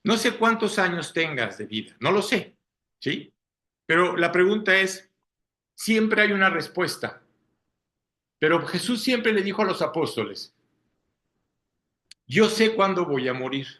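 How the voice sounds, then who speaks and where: A man's voice: high voice, animated, a little slow, pauses often, pushed and bright. A man preaching a Sunday sermon, often checking in with the congregation with rhetorical questions. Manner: asks listeners rhetorical questions, frequent "¿sí?".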